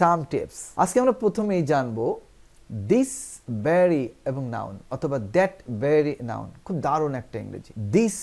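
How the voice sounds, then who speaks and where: A man with a Bangladeshi accent teaching a spoken English lesson in Bangla, drawing out English example sentences slowly and repeating key words for emphasis. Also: a little high, creaky, warm tone.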